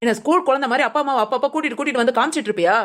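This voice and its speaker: In this cartoon family drama voice work, the actor plays a blunt, scornful young woman bossing her friend around. Her delivery is very fast, with a high voice and a fairly bright tone.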